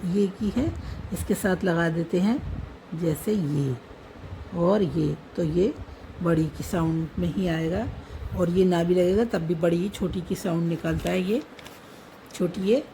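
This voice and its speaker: A woman teaching how to write words in a script, spelling out each letter slowly and repeating the words as she goes. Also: fairly low pitch, mellow, a little hiss or hum, low-quality recording. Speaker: language teacher. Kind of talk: slow step-by-step writing lesson.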